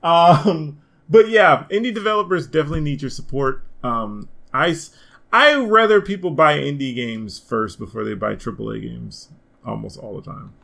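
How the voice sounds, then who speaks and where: Podcast host, man, lively gravelly delivery with a raised pitch, swears freely. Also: moderate pace. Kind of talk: casual gaming podcast chat.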